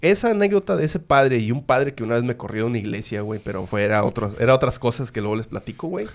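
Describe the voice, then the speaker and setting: A man's voice: medium pitch, fast, creaky. A man with a Mexican accent hosting a podcast, telling a story in slangy, laugh-filled casual chat. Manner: animated, slangy, laughs often. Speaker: podcast host.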